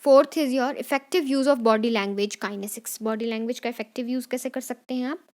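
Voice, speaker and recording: Casting: woman teacher, a touch high-pitched, revising exam answers, mixing Hindi and English, repeating key points. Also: fairly even intonation, darkish tone. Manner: dictates English definitions slowly.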